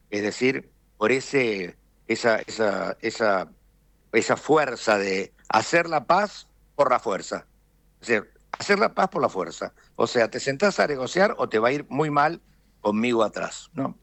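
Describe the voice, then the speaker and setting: An Argentine businessman being interviewed, explaining his views deliberately and filling pauses with frequent hesitations. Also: mid-range voice, fairly bright tone, dry recording. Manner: deliberate, thinking aloud with frequent "este" fillers. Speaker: businessman guest. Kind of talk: conversational interview analysis.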